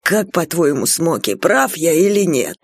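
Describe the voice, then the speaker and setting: Woman doing a low, easygoing tall sheriff. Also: sing-song, a little slow, vocal fry, dry recording, clean studio sound, exaggerated voice. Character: tall easygoing small-town male sheriff.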